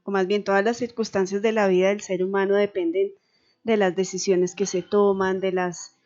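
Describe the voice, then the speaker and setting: A woman's voice: mid-range voice, flat delivery, moderate pace, a little mellow. A woman co-hosting a Bible radio program, thinking aloud with hesitant restarts. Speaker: radio co-host. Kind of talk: radio conversation. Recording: dull radio recording with faint music.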